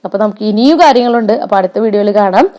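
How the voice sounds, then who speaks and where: A young woman vlogger rattles through her day's shopping in a casual voice-over, filling it with chatty tag words. She talks fast, and her voice sounds mellow and a little dark. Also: mid-range voice. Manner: chatty, often adds tag words and fillers.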